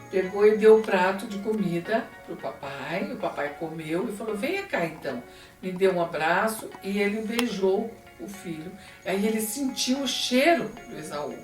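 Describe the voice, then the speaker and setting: A woman with a Brazilian Portuguese accent telling a Bible story to children in an expressive, animated way. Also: medium pitch. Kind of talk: storytelling lesson for kids. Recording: echoey room, distant mic, faint music.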